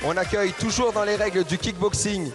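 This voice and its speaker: A male arena announcer with a very high, projected voice introduces kickboxers in a ceremonial way. He draws out the names theatrically, with music playing clearly behind him. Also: a little fast, long reverb tail. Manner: theatrical projected calls, stretching out fighters' names. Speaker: ring announcer at a kickboxing event.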